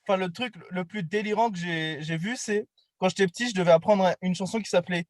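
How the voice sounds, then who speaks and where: A man's voice: high-pitched, a little fast, no echo. A man chatting as a comedian, telling absurd stories with tangents and acted-out quotes. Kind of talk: casual comedic chat.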